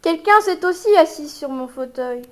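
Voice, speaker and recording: A woman playing a mother bear from a storybook, moaning and complaining. Her voice is pitched neither too high nor too low. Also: expressive, fairly bright tone. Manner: moaning, measured. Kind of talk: storybook voice acting.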